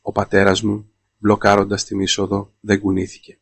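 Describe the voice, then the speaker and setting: A man narrating a scripted first-person story in a flat, monotone reading. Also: fairly low pitch, gravelly, no room sound.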